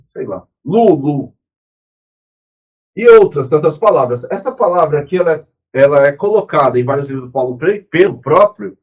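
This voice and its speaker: A man's voice: on the high side, a little mellow. Man lecturing, dull lo-fi sound. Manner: spontaneous and explanatory, with restarts and many asides. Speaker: teacher. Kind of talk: recorded lecture.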